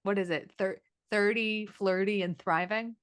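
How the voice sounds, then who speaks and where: Clean and free of room sound, this recording features a Florida woman in her late 20s with a medium-pitched, steady voice, speaking a little slowly. As co-host of a true-crime podcast, she talks casually, full of fillers and restarts.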